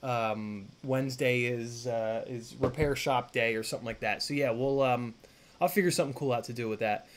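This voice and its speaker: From a workshop room in his home, a thirtysomething man talks loosely to his live-stream audience, profane and meandering, with plenty of fillers and false starts. His voice is mid-range and his pace moderate.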